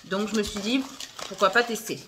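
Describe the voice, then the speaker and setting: A woman's voice: medium pitch, fairly even intonation, a little fast, noisy background. A young woman chatting casually through a shopping haul video at home, full of fillers and little laughs. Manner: chatty, filler-heavy, giggly asides. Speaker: vlogger.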